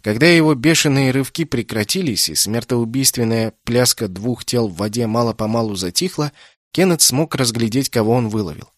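A male audiobook narrator reads a novel in an even, measured storytelling voice. The recording is dry and close, with no room sound at all, and his pitch sits in the middle of the male range. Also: no echo. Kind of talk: scripted narration.

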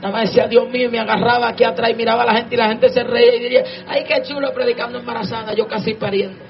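Fervent shouting woman preacher. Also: fairly high pitch, steady tone, rapid-fire, gravelly, crowd noise. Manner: impassioned, often shouting. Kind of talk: fervent sermon. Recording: dull lo-fi sermon recording with music. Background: music playing.

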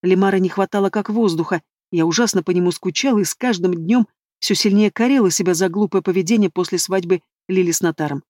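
A woman reading a first-person novel aloud as narrator, in steady, even storytelling. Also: fairly low pitch, quick pace, no room sound. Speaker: audiobook narrator. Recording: dry close studio sound.

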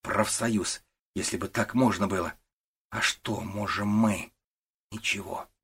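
A man's voice: lowish voice, steady tone, measured pace, a bit bright, husky, full character voice. Brief: nervous young male clerk, hesitant and pleading, read by a male narrator. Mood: anxious. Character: timid young male clerk, twenty-three.

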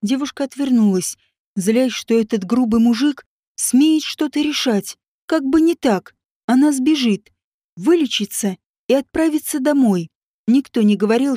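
A woman narrating a fantasy story in an even, dramatic reading style. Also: on the high side, moderate pace, no room sound, clean studio sound. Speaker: audiobook narrator. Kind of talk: scripted narration.

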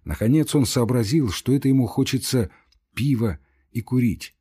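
A man reading a classic story aloud as audiobook narration, expressive and at times hushed. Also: medium pitch, normal speed, breathy edge. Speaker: reader.

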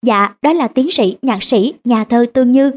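Woman reading a cheerful young driver, eager, boastful, high voice. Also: normal speed, lightly acted.

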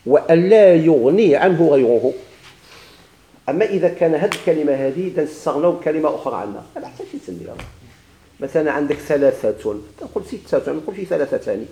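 A man's voice: on the high side, lively intonation, rapid-fire, dark tone, echoey room, a little hiss or hum, rough recording. A man with a Moroccan Arabic accent teaching a grammar lesson, asking questions and answering them himself with repeated examples.

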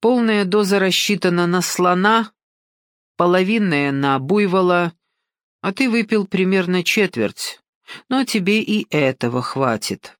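A sly, domineering older man voiced by a woman narrator leans in with slow, coaxing menace. His speech is drawn-out and patronizing, delivered in a dry, close-miked audiobook sound. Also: on the low side, lively intonation, no echo. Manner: slow, coaxing, patronizing, keeps saying "son".

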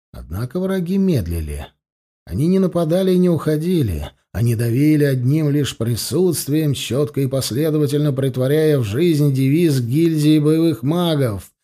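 Mellow-voiced male fantasy audiobook narrator. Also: mid-range voice.

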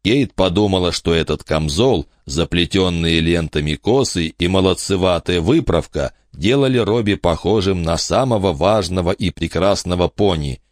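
A man narrating a storybook in an expressive reading style, voicing many characters. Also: sits low, moderate pace, few pauses, no echo, studio quality. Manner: expressive reader doing many voices. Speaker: audiobook narrator.

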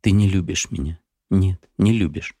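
A man's voice: deep voice, normal speed, dark tone, dry recording, studio quality. A man reading an audiobook, voicing a passionate, desperate young man who pleads with feeling. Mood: pleading. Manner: pleading, impassioned.

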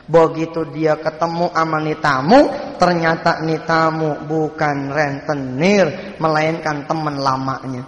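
A male preacher with a Jakarta Betawi accent telling a story in a sermon, animated, swinging between high exclamations and soft asides. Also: unhurried, muffled recording. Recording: echoey hall reverb.

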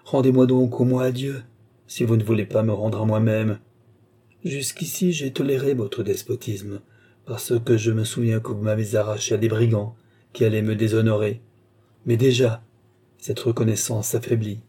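A man's voice: fairly low pitch, fairly even intonation, moderate pace, dark tone, breathy edge. A man reading an audiobook, voicing a furious, desperate young captive woman in raised, pleading and defiant outbursts.

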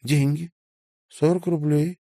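A man's voice: fairly high pitch, fairly even intonation, takes it slowly, mellow, dry recording, clean studio sound, pitched above the performer's own voice. A man reading aloud voices a timid young woman who pleads in a frightened, whiny way.

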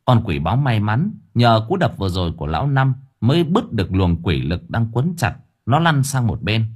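A man narrating a ghost story audiobook in a vivid, expressive way. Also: lowish voice, moderate pace, slightly rough.

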